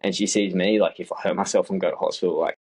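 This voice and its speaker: A man's voice: low voice, steady tone, fast, darkish tone, slightly rough. A young man chatting casually on a podcast, laid-back and reflective, with casual swearing. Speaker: podcast co-host. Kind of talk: casual chat.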